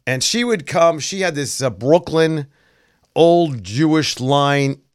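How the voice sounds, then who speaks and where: A man's voice: fairly high pitch, lively intonation, takes it slowly, clean tone, no room sound, studio quality. Sarcastic male talk show host. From New York. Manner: sarcastic, wry asides. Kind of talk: casual political commentary.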